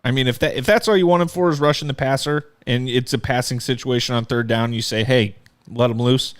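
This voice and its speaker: A man co-hosting a casual sports podcast with a smooth, resonant voice. He keeps things upbeat and jokey as he moves between news items and segments. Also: medium pitch, fairly even intonation, fairly quick. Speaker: podcast co-host.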